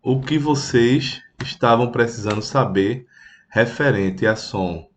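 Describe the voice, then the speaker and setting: Slow-talking male children's music teacher. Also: medium pitch, a little hiss or hum. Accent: Brazilian Portuguese. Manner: slow, patient, with animal sound imitations; plays guitar while explaining.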